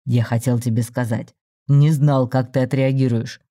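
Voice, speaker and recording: Brief: man reading a smug, self-assured husband for an audiobook, slow and soothing, mellow low-key tone. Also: steady tone, lightly acted. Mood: placating.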